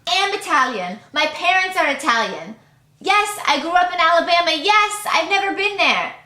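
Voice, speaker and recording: A defensive wife insists on herself after being caught lying about her roots. Her voice is very high and sharp, and it rings in an echoey room. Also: expressive, moderate pace, heavily acted. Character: defensive wife who faked royal Italian roots.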